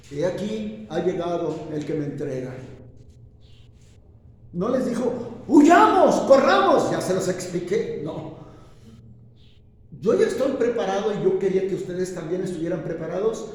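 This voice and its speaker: High, lively preacher in an echoey hall. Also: male voice. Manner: dramatic, swings from loud emphatic to low. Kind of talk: sermon. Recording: echoey church hall with long reverb.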